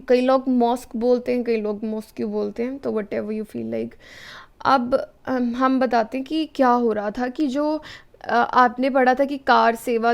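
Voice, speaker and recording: A young adult woman with an Indian accent giving a classroom lecture, explaining step by step and checking in with her students as she goes. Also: on the high side. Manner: explains step by step, mixing English phrases, frequent "ठीक है" check-ins. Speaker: teacher.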